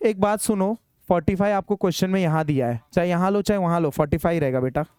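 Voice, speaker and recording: A man teaching engineering in a classroom, dictating formulas slowly and urging students to hurry. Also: sits high, darkish tone, clean tone, dry recording, clean studio sound. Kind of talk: classroom lecture solving problems.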